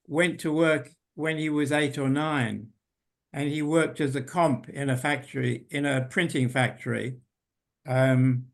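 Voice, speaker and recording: An older man giving an unhurried, thoughtful talk over a video call, pausing often with ums. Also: medium pitch. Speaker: invited presenter. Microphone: video call computer mic.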